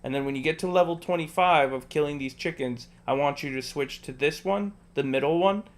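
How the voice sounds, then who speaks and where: A man's voice: on the high side, a little fast. A man streaming a game and walking a friend through it step by step, patiently repeating instructions and joking between them. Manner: jokey, laughs between instructions. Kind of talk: casual gameplay livestream, coaching a friend.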